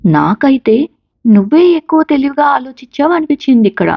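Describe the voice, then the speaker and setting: A woman's voice: high-pitched, sing-song, a little fast, vocal fry, no room sound, lo-fi sound, pitched above the performer's own voice, exaggerated voice. A woman voicing a caring mother who patiently encourages her college-age son. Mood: encouraging. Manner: patient, coaxing, reassuring.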